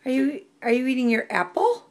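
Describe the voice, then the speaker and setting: A woman's voice: high voice, lively intonation, a little fast. A woman at home using sing-song baby talk, coaxing a toddler to say words for the camera. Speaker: parent filming a toddler.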